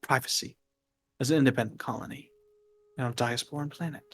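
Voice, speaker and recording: A man voicing an indignant female corporate representative of a colony, formal and measured in a tabletop game. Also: medium pitch, fairly even intonation, fairly bright tone, close to an everyday voice.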